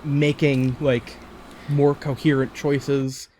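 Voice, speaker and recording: A man co-hosting a chatty podcast, rambling through his points with plenty of fillers and restarts and the odd swear. His voice sits at an ordinary middle pitch, with a faint hiss of noise behind it. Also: flat delivery, takes it slowly, a little mellow. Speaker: podcast co-host. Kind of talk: casual chat.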